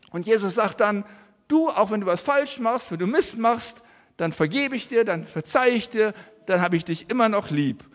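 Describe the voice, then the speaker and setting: A man's voice: high-pitched, in a large hall. A man preaching a family sermon to children and adults in a church, using simple, friendly words for the children. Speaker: pastor.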